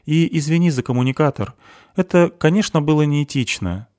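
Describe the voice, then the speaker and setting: A man's voice: on the high side, animated, moderate pace, a little mellow, no room sound, clean studio sound, voice pushed up, natural voice. A man voicing a tense, secretive young woman with terse, grim replies. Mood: terse urgency.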